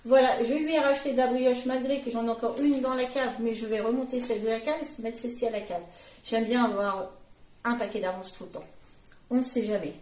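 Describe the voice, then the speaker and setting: A woman's voice: fairly high pitch, fairly even intonation, fairly quick, darkish tone, slight background noise. A woman in her forties chatting casually in a vlog, rambling along with lots of fillers and self-corrections. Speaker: vlogger, mother. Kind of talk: casual grocery haul chat. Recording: echoey room.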